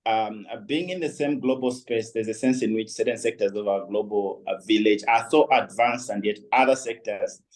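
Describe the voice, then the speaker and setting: A company founder speaks as a guest on a leadership panel in a lowish, darkish voice at a moderate pace with few pauses. He is reflective and uses many fillers, and the recording quality is poor.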